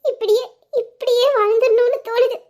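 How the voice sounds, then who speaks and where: A woman's voice: very high voice, fairly even intonation, normal speed, darkish tone. A woman voicing a shy, affectionate young bride in a romantic audio drama, coy and teasing, then tearful and gushing. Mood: tearful joy.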